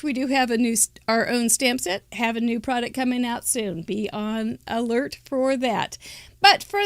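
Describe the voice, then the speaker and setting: Upbeat woman host in her fifties, high voice, dry close mic. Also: no echo. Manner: chatty and upbeat, laughs often. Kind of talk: live crafting show chat.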